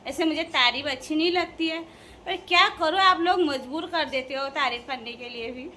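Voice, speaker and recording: Playful, bright-voiced woman. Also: high voice, normal speed, slight background noise. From Uttarakhand hills. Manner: playful, teasing, laughs often. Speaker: vlogger addressing viewers. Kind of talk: casual chatty vlog.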